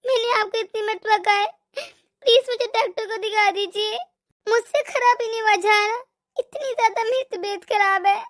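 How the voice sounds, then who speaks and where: A woman's voice: extremely high pitch, normal speed, fairly bright tone. A woman voicing a sick, meek young daughter-in-law in a cartoon, crying and pleading weakly. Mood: tearful. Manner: weak, tearful pleading.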